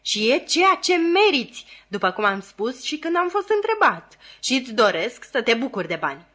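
A woman's voice: fairly high pitch, sing-song, a bit bright, pitched above the performer's own voice. A woman voicing a pompous, fawning, hypocritical older man who speaks in an ingratiating way.

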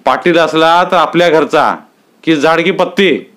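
A man voicing an angry, hot-tempered village man who shouts threats. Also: fairly high pitch, measured pace, voice pushed up.

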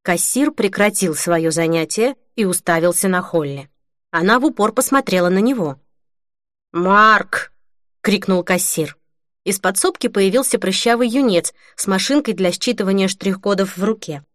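A woman reading a novel aloud as an audiobook narrator, in an even, measured way. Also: mid-range voice, no echo, studio quality. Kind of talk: scripted narration.

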